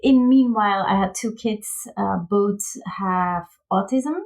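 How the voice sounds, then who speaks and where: A woman's voice: mid-range voice, unhurried, a little mellow, rough recording. Chatty Belgian woman, guest on a podcast. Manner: chatty, laughs often, searches for words. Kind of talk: casual interview.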